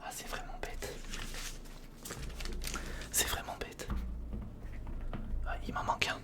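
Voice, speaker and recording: Slowly, in a breathy whisper, a male ASMR video creator offers casual commentary while building something. He mutters half to himself and half to the viewer.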